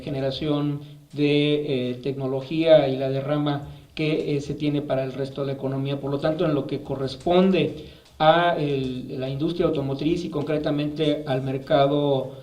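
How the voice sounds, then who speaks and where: A man giving an interview answer in a measured way, pausing on fillers. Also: a little high, steady tone, a little mellow. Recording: roomy, distant mic.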